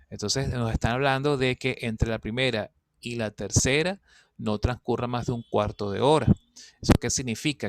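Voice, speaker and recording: A male teacher explains a worked statistics problem step by step in a patient, steady way, often pausing to ask whether students are following. His voice is gravelly. The recording is dry and close. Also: mid-range voice, no room sound. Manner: patient, checks understanding with "¿ok?" and "fíjense".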